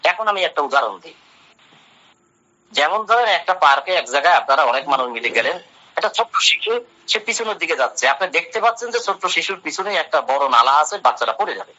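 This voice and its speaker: A man's voice: on the high side, expressive, fast, pushed and bright. A man giving a religious talk, translating Arabic phrase by phrase and asking and answering his own questions. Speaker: Islamic lecturer. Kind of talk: religious talk explaining Quran verses. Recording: dull lo-fi sound.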